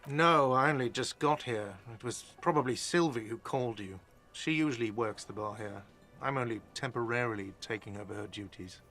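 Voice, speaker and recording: A whiny, sulky cafeteria manager. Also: male voice, medium pitch, moderate pace, sharp tone, soft background music. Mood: evasive. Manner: petulant, sarcastic.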